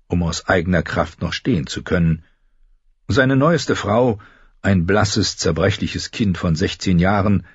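A man's voice: deep voice, breathy edge, no echo, lo-fi sound. A man narrating an audiobook expressively, voicing every character himself. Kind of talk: scripted narration.

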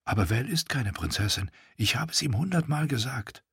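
A man voicing a brooding young lord commander who speaks quietly and inwardly. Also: mid-range voice, lively intonation, moderate pace, husky, no echo, clean studio sound, full character voice.

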